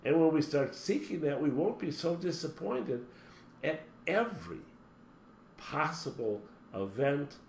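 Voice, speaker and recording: A spiritual teacher with a slightly high, gravelly, darkish voice talks in a sing-song way at a measured pace, delivering emphatic motivation through long lists. The sound is echoey with a faint hum underneath.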